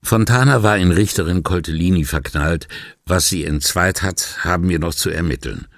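A man narrating a crime novel audiobook in a measured reading style, lightly voicing the dialogue. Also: low voice, vocal fry, no echo, studio quality. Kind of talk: scripted narration.

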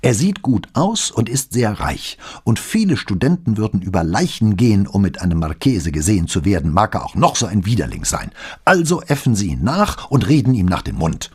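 A man voicing a sharp-witted middle-aged woman, a literature professor, who asks brisk, indignant questions in an audiobook reading. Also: fairly low pitch, sing-song, breathy edge, exaggerated voice. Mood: pointed.

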